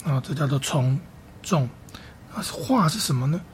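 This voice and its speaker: Slow, emphatic male pastor teaching. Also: fairly high pitch, animated, a little hiss or hum. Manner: slow, repetitive, emphatic teaching with drawn-out repeated phrases. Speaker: pastor teaching Bible reading. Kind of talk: sermon.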